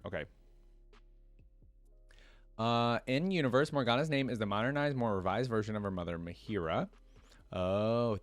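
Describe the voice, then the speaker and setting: A man with a fairly low voice hosts a casual YouTube reaction video, reading reference text aloud and breaking off for informal commentary. There is no echo.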